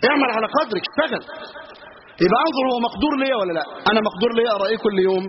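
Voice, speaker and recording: A man's voice: extremely high pitch, racing, crowd noise. A man with an Egyptian Arabic accent giving a colloquial religious lesson, telling stories and asking rhetorical questions. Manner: storytelling, lively, asides and rhetorical questions. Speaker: religious teacher. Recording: muffled recording with steady hiss.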